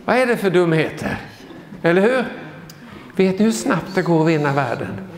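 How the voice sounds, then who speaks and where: A man in his sixties giving a lively charismatic sermon, exclaiming hallelujah and joking with the congregation. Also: high voice, creaky. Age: 60s. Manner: exclamatory, peppers talk with hallelujahs, joking asides. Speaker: guest preacher. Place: church sanctuary. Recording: echoey church hall with long reverb.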